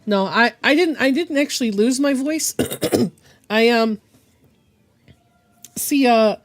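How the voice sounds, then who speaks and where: This digital art streamer is sick with bronchitis, which has left her fairly high voice rough, hoarse and deepened. Her casual live-stream chat rambles and halts, broken up by frequent throat clearing.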